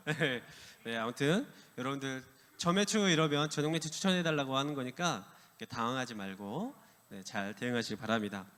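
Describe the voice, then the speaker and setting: Animated male youth preacher. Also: mid-range voice, a little fast, big-room sound. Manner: animated, asks the audience questions. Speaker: youth pastor. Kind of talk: youth sermon with storytelling. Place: church worship hall.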